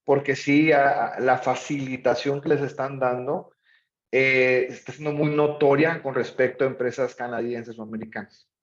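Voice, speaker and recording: A man's voice: mid-range voice, fairly even intonation, normal speed. A man presenting and answering questions conversationally, with rhetorical questions thrown in. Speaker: presenter, logistics expert. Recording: echoey room, slightly muffled audio.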